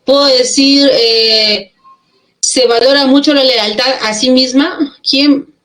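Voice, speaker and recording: Woman teacher, higher voice, step-by-step grammar explanations with check-in questions, echoey room sound. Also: steady tone, slow pace, fairly bright tone. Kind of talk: classroom grammar lesson.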